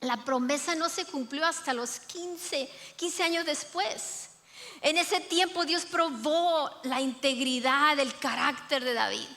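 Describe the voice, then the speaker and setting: Bright high-voiced woman preaching. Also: slow pace. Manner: animated storytelling, addresses the congregation directly. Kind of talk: sermon. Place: church sanctuary. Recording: reverberant church hall.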